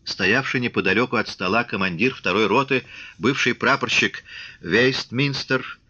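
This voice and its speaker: Bright-voiced male audiobook narrator. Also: mid-range voice, highs cut off. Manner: measured literary reading. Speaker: audiobook reader. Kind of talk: scripted narration of a classic novel.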